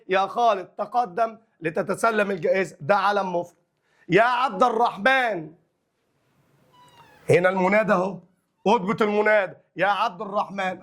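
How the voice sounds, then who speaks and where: Brisk Egyptian teacher with a high voice. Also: male voice, fairly bright tone. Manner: drawls example phrases slowly, then explains briskly in colloquial speech. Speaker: Arabic grammar teacher. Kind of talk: classroom lesson explaining grammar exercises.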